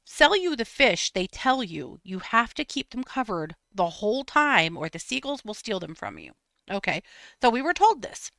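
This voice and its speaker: Woman in her 50s, host, bright lively read, chatty storyteller who breaks into laughs. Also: fairly low pitch, dry recording. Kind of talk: casual storytelling chat.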